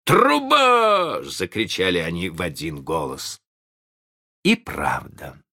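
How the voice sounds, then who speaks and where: A man narrating a storybook in an expressive, lively way. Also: a bass voice, measured pace, breathy edge.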